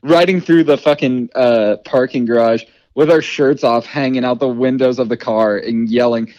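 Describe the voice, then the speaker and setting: A man's voice: mid-range voice, steady tone, normal speed, a little mellow, no echo, highs cut off. A young American man telling casual sports stories in a profane, slangy frat-bro manner.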